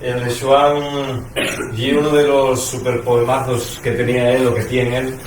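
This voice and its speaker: Man, casual poetry reading, average pitch, faint background hum. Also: measured pace. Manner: relaxed, chatty, hesitant between poems. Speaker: poet reading his work. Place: bookshop event room. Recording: echoey room, distant mic.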